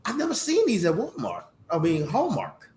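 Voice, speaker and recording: Man, casual host chat, lively swooping pitch, playful, slight cough, roomy echo, faint background hum. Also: normal speed. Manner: animated, playful, reads card text aloud. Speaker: podcast host.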